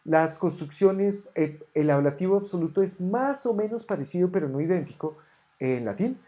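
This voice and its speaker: Teacher on a desk camera, very dark mellow voice, sounds out greek words slow and careful, patient. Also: medium pitch, lively intonation. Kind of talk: online grammar lesson, correcting homework.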